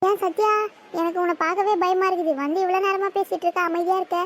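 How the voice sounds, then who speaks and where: High-pitched cartoon village girl, shouty, teasing, quick to scold. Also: flat delivery, a little hiss or hum. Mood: shrill teasing. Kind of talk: cartoon voice acting.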